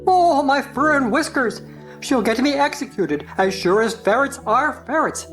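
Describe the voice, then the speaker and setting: Lady doing a worried rabbit from a storybook play, high voice, drags out the fretting. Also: lively intonation, faint music behind. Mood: panicky. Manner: fretful, drawn-out exclamations. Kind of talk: theatrical audio drama acting.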